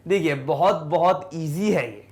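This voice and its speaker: A male teacher with a high voice walks students through spelling. He asks question after question and answers each one himself. He stretches words out slowly, syllable by syllable. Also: expressive, darkish tone, slight background noise. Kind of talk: explaining English spelling in a class lesson.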